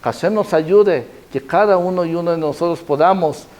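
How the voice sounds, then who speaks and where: A man's voice: fairly high pitch, normal speed, darkish tone. A man, a rabbi delivering a Torah sermon with emphatic, repeated phrases.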